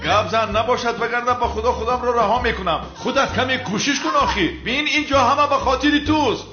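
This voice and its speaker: Guy doing sly sneaky boyfriend, high and bouncy, echoey, music behind. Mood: scheming. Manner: scheming, coaxing. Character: scheming young man in love. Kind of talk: comic dubbed dialogue. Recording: echoey, dull dub with music.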